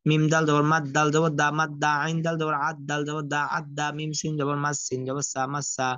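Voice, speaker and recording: A man teaching Quran reading, spelling out Arabic letters and vowel marks slowly in a repetitive drill. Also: a little high, sharp tone, clear, resonant tone, no echo. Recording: dull lo-fi dry recording.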